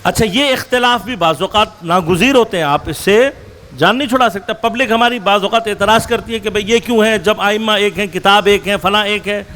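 A man with a notably high-pitched voice gives a religious lecture to a gathered audience. He poses rhetorical questions and answers them himself, working through examples with slow, stressed phrases and quicker runs. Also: fairly bright tone. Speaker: religious scholar.

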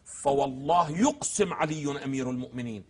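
A man as a religious scholar on a TV discussion show, explaining texts emphatically, asking fill-in questions and quoting passages slowly. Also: medium pitch, breathy edge. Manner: quotes texts slowly and solemnly.

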